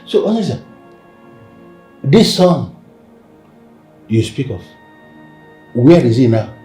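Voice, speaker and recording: An actor playing a council man who questions slowly and carefully. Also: medium pitch, big pitch swings, mellow, soft background music. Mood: probing. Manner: slow, probing questions. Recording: echoey room.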